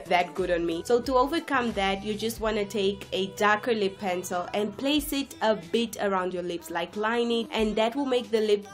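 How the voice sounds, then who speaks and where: A woman with the flu narrating a casual beauty tutorial voice-over in a chatty, relaxed way. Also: medium pitch. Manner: chatty, relaxed, starts steps with "so". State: sick with flu, congested voice. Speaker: beauty vlogger. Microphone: voice-over recorded separately.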